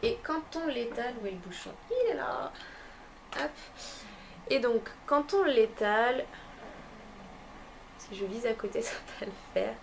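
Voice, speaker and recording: A woman's voice: fairly high pitch, very animated, measured pace, gravelly, pauses often, slight background noise. Chatty young woman reviewing beauty products. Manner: hesitant, many fillers and restarts. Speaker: beauty vlogger. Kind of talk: casual unboxing review.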